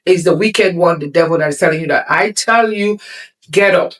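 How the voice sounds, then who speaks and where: A woman's voice: fairly low pitch, moderate pace, fairly bright tone. Emphatic woman giving encouragement. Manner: emphatic and motivational, repeating phrases for stress. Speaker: guest, community leader and counselor. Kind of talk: talk show interview.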